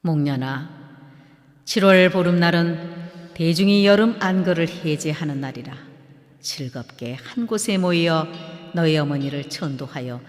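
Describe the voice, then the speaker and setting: A man's voice: fairly high pitch, lightly acted. The Buddha, read by a male monk, with long reverb. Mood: solemn. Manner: measured solemn recitation. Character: the Buddha, calm elderly male teacher.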